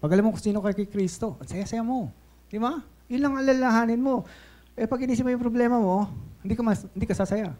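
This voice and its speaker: High-voiced Filipino pastor preaching. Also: male voice, fast talker. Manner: switches between Tagalog and English, asks "Okay?" often; lively, acts out voices in stories. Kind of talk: sermon.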